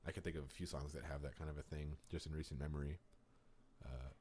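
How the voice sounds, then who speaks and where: A man's voice: a bass voice, quick pace, a little hiss or hum. A man co-hosting a podcast, chatting casually and rambling through stories with lots of fillers. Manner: rambling, animated storytelling with many fillers. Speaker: podcast co-host. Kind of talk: casual chat.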